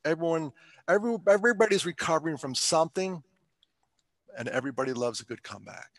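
Older male guest speaker, rough gravelly voice, dry close sound, candid and jokey. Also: a little high, lively intonation, fast, no room sound. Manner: jokey, laughs often, candid storytelling. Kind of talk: casual podcast interview.

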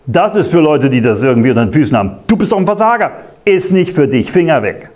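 A man's voice: a little high, big pitch swings, fast talker, darkish tone. Man voicing a scornful tempting enemy. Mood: taunting. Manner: taunting, mocking warnings. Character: whispering enemy tempter, male, scornful and threatening.

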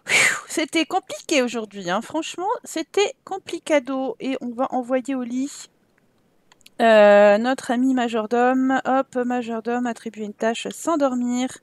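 A young woman with a French accent runs a relaxed, playful game commentary, often talking straight to her characters. Her voice sits high and bright. The sound is close and dry, with no room around it. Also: unhurried, dry recording. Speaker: Sims gameplay YouTuber. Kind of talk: casual let's-play commentary.

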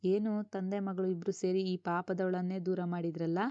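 A woman voicing a gentle middle-aged mother who teases and questions. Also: on the low side, level tone, moderate pace, dry recording, dull audio, close to an everyday voice. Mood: teasing.

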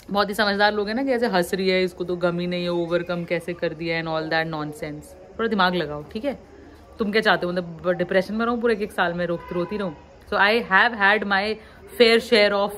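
A woman's voice: medium pitch, slight background noise. A young woman in her twenties from the Uttarakhand hills, venting frankly to her viewers, frustrated, mixing English phrases into her talk. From Uttarakhand, India. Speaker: vlogger. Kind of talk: candid talk to camera.

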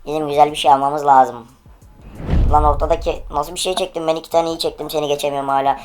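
Low-voiced woman ranting over a game. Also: fairly even intonation, fast, darkish tone, soft background music. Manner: impatient, profane, urging the game aloud. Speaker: online case-opening streamer. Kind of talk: live gaming commentary.

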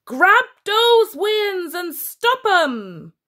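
A woman's voice: very high voice, big pitch swings, voice pushed up, full character voice. A woman doing a bellowing monster general. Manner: shouted, slow, broken grammar. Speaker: teacher reading aloud.

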